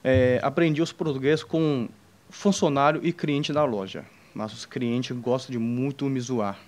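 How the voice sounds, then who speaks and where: With a darkish tone, a clear Chinese accent and medium male pitch, a young entrepreneur from China recounts his own story to a panel audience. It comes out in fits and starts, heavy on fillers and restarts, with small jokes aimed at the crowd.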